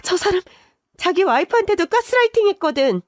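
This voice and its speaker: A woman voicing a cornered stepmother with a shrill, whining manner in a story reading. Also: sing-song, brisk, no room sound, clean studio sound. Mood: pleading.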